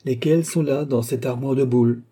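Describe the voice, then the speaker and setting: A man reading a cold, composed count who calmly demands repayment, keeping a polite but unyielding manner. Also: mid-range voice, normal speed, breathy edge, natural voice. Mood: cool. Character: icy, composed male count and sorcerer-creditor.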